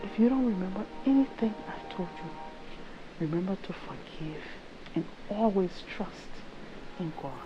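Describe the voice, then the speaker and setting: A woman's voice: medium pitch, lively intonation, a little slow, close to an everyday voice. An actress playing a dying mother who gives her son earnest last advice, heard in a dull film clip over music. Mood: tender. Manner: gentle, earnest.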